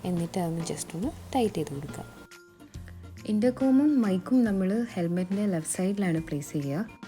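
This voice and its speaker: With clearly audible music behind her, a Malayali-accented presenter demonstrates a product installation one step at a time. Her lowish voice is expressive, brisk and warm, and her conversational delivery mixes in English terms.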